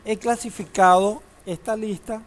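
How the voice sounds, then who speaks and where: A man's voice: high voice, fairly even intonation, unhurried, slight background noise. A man teaching a database class, lecturing in a classroom, asking students questions and joking now and then. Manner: asks the class questions, uses humor.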